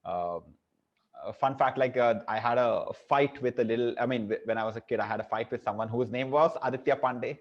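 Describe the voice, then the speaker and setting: A man's voice: mid-range voice, a little fast. A man with an Indian accent co-hosting a casual podcast, rambling and hesitant with many fillers. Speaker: podcast co-host. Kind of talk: casual chat. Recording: dull lo-fi audio.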